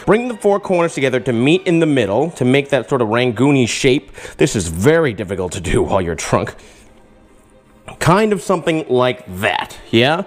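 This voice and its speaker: A tipsy, giggly, goofy man hosting a casual, jokey cooking lesson. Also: on the high side. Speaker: host of a drunk cooking tutorial. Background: music.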